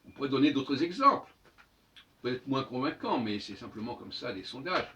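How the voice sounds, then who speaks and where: Lively man sounding out words from afar. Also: mid-range voice, normal speed, a little hiss or hum. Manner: didactic, repeats words to sound them out. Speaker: lecturer on language and astrology. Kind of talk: spoken monologue lesson. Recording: dull audio from a distant mic.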